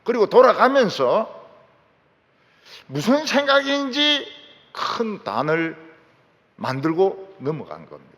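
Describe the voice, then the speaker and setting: A man's voice: high-pitched, slow, pauses often. Middle-aged man, pastor preaching, emphatic and repetitive, long church-hall reverb. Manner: emphatic, repeating key phrases, lively rising and falling delivery. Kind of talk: sermon. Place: large church sanctuary.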